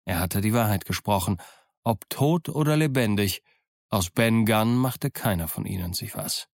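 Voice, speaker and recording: A man narrating an audiobook in a calm, measured storytelling voice. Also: on the low side, vocal fry, no room sound, clean studio sound. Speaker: audiobook reader. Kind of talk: scripted narration.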